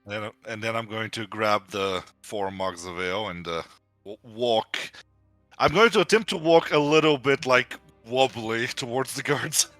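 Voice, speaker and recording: A man's voice: medium pitch, normal speed, fairly bright tone, no echo, soft background music. A man playing a tabletop game who lays out his character's actions step by step. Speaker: player.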